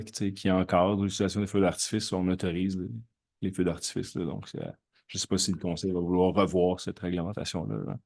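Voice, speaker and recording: Chairing a council meeting, a man with a deep, darkish voice and a Quebec French accent answers residents. His replies are informal, hesitant, and roundabout.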